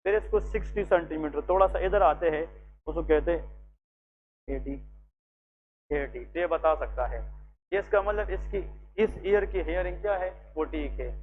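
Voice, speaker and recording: Male medical lecturer with a Pakistani accent, talks students through exam steps, quizzes them, slightly raised pitch, thin tinny lo-fi recording. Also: moderate pace. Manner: explains step by step, mixing English terms, checks with rhetorical questions. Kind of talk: clinical skills lesson. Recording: tinny lo-fi with faint hum.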